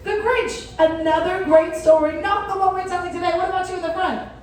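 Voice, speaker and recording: Very high-voiced woman hosting in an echoey theatre. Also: a little fast. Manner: animated, addresses children in the audience with questions and prompts. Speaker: cruise director hosting a story time. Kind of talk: interactive children's stage hosting. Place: indoor theatre on a cruise ship. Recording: very echoey theatre, distant mic, faint noise.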